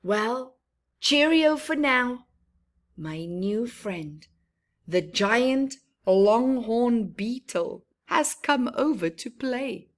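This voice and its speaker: Reading a children's storybook in the first person, a woman voices a proud, cheerful young boy who is a tree. Her pitch runs high and her intonation is lively, and she speaks extremely slowly with earnest, emphatic phrasing.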